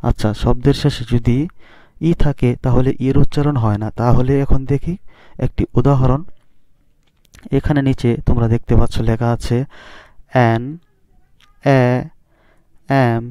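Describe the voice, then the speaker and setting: Man teaching spelling rules slowly. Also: medium pitch, steady tone, dark tone, no echo. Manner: spells out letters slowly and asks students questions. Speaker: English teacher. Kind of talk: classroom lesson on phonics rules. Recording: dry, dull lo-fi sound.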